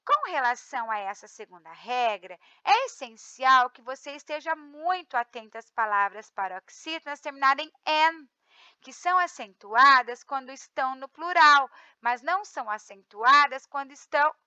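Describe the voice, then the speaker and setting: High, lively Brazilian woman teacher. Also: no room sound, highs cut off. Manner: stresses syllables slowly, checks in with "tá?" and "né?". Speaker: Portuguese teacher. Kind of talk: grammar review lesson.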